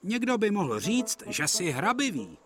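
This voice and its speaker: A man's voice: high voice, very animated, a bit bright, voice pushed up. A man voicing a male engine who sneers and mocks. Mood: mocking. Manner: mocking. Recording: clear music behind.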